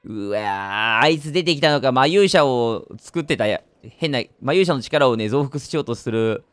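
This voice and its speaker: A man's voice: medium pitch, expressive, normal speed, a bit bright, clean tone, dry recording, soft background music. A man with a Kansai accent, giving chatty let's-play commentary with wry asides. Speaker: game commentator.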